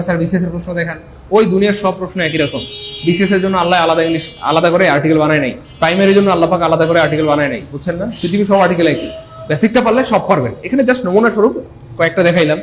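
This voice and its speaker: A man with a Bangladeshi accent delivers an exam-prep grammar lesson in a notably high voice. He talks with energy, repeats each point and keeps quizzing his listeners. A faint hiss and some room ambience sit behind him. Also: rapid-fire. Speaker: English teacher.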